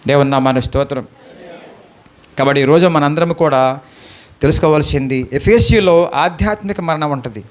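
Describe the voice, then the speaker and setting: High-voiced pleading Telugu pastor. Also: male voice, brisk, long pauses. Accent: Andhra Telugu. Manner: pleading, questioning the congregation. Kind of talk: sermon.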